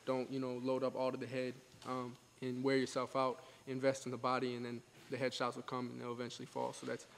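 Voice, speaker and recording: A man's voice: mid-range voice, completely flat delivery, brisk, gravelly. An eighteen-year-old man, a boxer, chatting casually in an interview, confidently explaining things step by step and repeating phrases as he goes. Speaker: professional boxer being interviewed. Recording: echoey hall, faint background noise.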